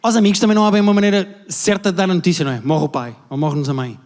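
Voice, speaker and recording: Fast-talking Portuguese stand-up comedian. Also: male voice, sits high. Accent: European Portuguese. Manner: rapid, animated storytelling, acting out family members. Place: large indoor venue with a live audience. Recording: long hall reverb from a live venue.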